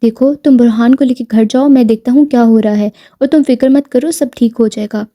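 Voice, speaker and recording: A woman's voice: on the high side, dark tone, close to an everyday voice. A woman voicing a devoted, teasing husband who turns firm and insistent under arrest, in a storybook reading. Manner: teasing and tender, then firm when arrested. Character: devoted affectionate husband, teasing, wealthy businessman.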